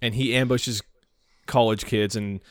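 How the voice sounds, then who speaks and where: A young man co-hosting a podcast, joking in a deadpan way and swearing a lot. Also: on the low side, a little slow, clear, resonant tone, no room sound, studio quality. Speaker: podcast co-host. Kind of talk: casual podcast chat.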